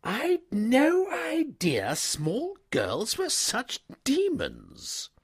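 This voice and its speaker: A man voicing a bright, excitable upper-class young English gentleman who stammers and chatters in breezy slang. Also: very high voice, extremely slow, husky, pitched above the performer's own voice, heavily acted. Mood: dismayed.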